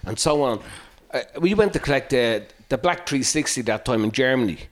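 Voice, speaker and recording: A man's voice: medium pitch, lively intonation, fairly quick. An Irish man telling a story in a casual, conversational chat.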